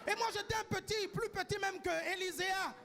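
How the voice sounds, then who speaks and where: A man preaching a sermon emphatically, forever checking that the congregation follows him and bursting into shouts to drive points home. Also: extremely high pitch, fairly even intonation, brisk, creaky. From grew up outside France. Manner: emphatic, keeps asking the congregation "do you follow?".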